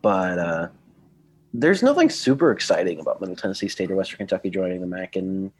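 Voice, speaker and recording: A man co-hosting a casual podcast with a sick voice, speaking in a measured, unexcited way with some hesitation. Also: low voice, very animated, husky. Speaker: podcast co-host. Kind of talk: casual sports podcast chat.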